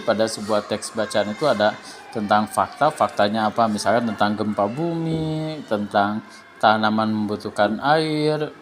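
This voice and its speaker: A man's voice: lowish voice, a little hiss or hum. Chatty male teacher. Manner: chatty, explains with many fillers and restarts. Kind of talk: casual exam review lesson.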